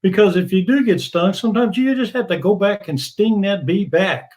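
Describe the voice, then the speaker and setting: A man's voice: sits high, normal speed, darkish tone. A man improvising a mock-earnest comic bit over a video call. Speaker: improv player.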